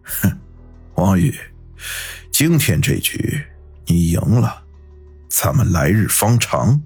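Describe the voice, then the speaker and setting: Narrator voicing a cold scheming boss, husky, low-pitched. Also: male voice, sing-song, moderate pace, soft background music, heavily acted. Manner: cold, menacing. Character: cold scheming middle-aged gang boss.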